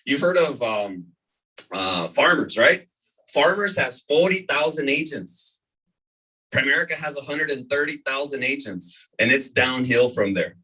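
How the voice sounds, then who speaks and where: A man in his thirties, from the California desert, giving an energetic live sales presentation to a room. He keeps repeating his points and asking "right?". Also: medium pitch, unhurried, breathy edge. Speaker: presenter at a business opportunity meeting. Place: meeting room before an audience. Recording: voice from far off in a room.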